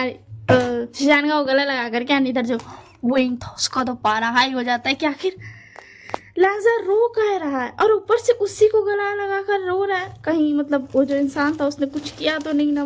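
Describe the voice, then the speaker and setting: A woman's voice: high voice, fairly even intonation, moderate pace, a little hiss or hum. A woman who wrote the story retelling it in a chatty, repetitive way, mixing in English words. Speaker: fanfiction author and narrator.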